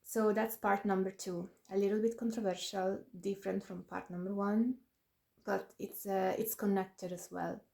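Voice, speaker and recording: A woman's voice: medium pitch, fairly even intonation, moderate pace, vocal fry, mellow. A woman author chatting casually to camera about her new book, laughing often and making self-deprecating asides.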